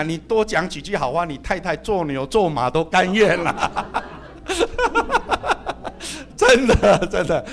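A middle-aged man preaching a sermon as pastor, humorous and animated, often calling out amen and hallelujah. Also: fairly high pitch.

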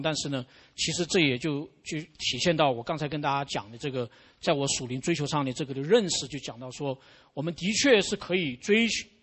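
A man's voice: a little high, a bit bright, breathy edge. A man giving a conversational sermon to a congregation, often tagging "OK" and restarting his sentences. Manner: informal, peppers sentences with "OK", frequent restarts. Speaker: preacher. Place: church congregation.

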